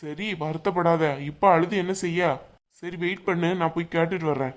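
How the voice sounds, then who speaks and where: A man's voice: fairly high pitch, steady tone, normal speed, close to an everyday voice. A man voicing a husband in a cartoon who scolds in an exasperated way but means well. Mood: firm. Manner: chiding, exasperated. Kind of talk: cartoon voice acting.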